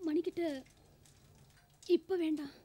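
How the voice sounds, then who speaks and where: A protective elder sister. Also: female voice, high-pitched, fairly even intonation, a little slow. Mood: soothing. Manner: soothing, firm. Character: older sister-figure, calm, protective. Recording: drama scene with loud music.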